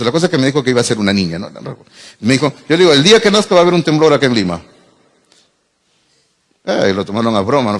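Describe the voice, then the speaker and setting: A man's voice: fairly low pitch, big-room sound. A middle-aged man, preaching a sermon in a church, chatting with the congregation through frequent asides and questions. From Peru. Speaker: pastor. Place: church sanctuary.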